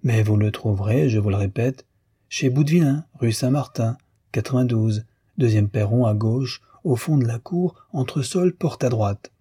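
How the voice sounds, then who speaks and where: A man's voice: mid-range voice, normal speed, warm tone, slightly rough, no echo, clean studio sound, natural voice. A man voicing an obsequious shopkeeper in a storybook reading, insistently reassuring and reeling off directions. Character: obsequious, insistent lemonade-shop owner, middle-aged man.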